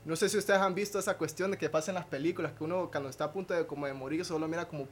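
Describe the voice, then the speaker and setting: A young man appears as a podcast guest, sharing a personal testimony haltingly, restarting often and ending phrases with a questioning tag. His voice is a little high with a steady tone, and there's slight background noise.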